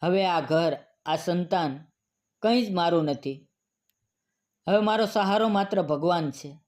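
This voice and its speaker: A man reading the lines of a grieving elderly widowed mother in a storybook tale, in an even, sorrowful manner. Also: high-pitched, unhurried. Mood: quiet resolve.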